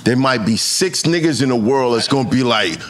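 An American man chatting casually on a podcast with a very animated, swinging intonation. He is emphatic and repeats short phrases to press a point. Some ambient noise is audible behind him. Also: medium pitch, fairly quick.

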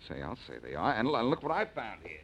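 An actor in an old radio show playing a sharp, confident amateur detective. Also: male voice, lowish voice, very animated, quick pace, husky, exaggerated voice. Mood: investigating. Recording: old radio recording with faint noise.

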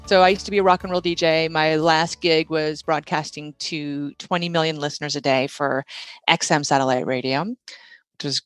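Animated woman guest, dry close sound. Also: low voice, normal speed, dry recording, soft background music. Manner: animated, laughs often, says "like" and "right". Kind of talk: casual storytelling interview.

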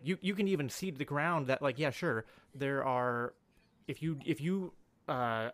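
A man in a casual political discussion, rambling with many fillers and restarts. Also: mid-range voice. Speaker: podcast guest.

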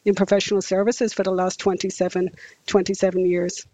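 A woman in her fifties from rural Ireland, an engineering company director, is a guest in a podcast interview and often repeats words and restarts sentences. Her Irish-accented voice is medium-pitched, mellow and brisk with little pitch movement, on a dry, rough recording.

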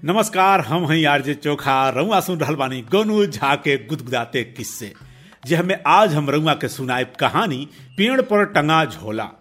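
A man's voice: on the high side, animated, unhurried, a bit bright, faint music behind. A man with a Bhojpuri accent, a radio host narrating a humorous folk tale in a chatty, playful way, talking to his listeners like friends. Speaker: radio jockey and storyteller.

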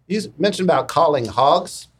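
A man's voice: on the high side, expressive, moderate pace. A man co-hosting a podcast with casual, jovial, teasing banter and questions for the guest. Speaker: podcast co-host.

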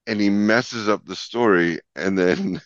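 A man who produces talk show segments, chatting casually and telling lively anecdotes with frequent laughter. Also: lowish voice, a little slow, dry recording, highs cut off. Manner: animated, laughs often, acts out voices in anecdotes. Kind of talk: casual storytelling chat.

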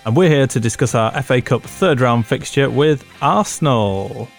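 A man hosting a football podcast, steering the chat with steady questions and stats. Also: mid-range voice, normal speed, vocal fry, soft background music. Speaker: podcast host. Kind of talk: casual sports chat.

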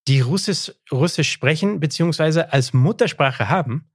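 Speaking German despite English being his first language, a Canadian historian appears as a podcast guest. His fairly high, husky voice moves at normal speed in a dry, close recording without echo. He comes across as reflective, stumbling through fillers and frequent restarts.

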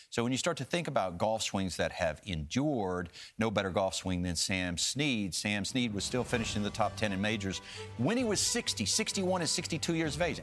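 A man working as a golf commentator, analysing play in a measured, emphatic way and repeating key phrases. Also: mid-range voice, a bit bright.

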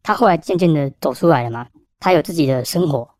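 A man with a Taiwanese Mandarin accent, a police officer telling stories in a rapid, animated way, mixing in Hokkien phrases. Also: a little high, no echo. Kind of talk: casual storytelling.

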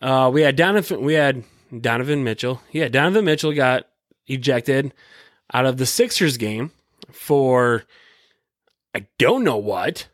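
A man's voice: mid-range voice, animated, measured pace, long pauses, no echo, studio quality. An American man hosting a solo podcast with casual, rambling sports commentary, repeating himself and swearing freely in slangy talk. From Michigan, United States. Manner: rambling and repetitive. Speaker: podcast host.

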